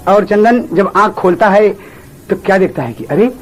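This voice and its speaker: A man with a Bhojpuri accent, the lead birha singer, telling a folk tale in spoken narration and loud, drawn-out sung lines. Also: high-pitched, lively intonation, a little hiss or hum.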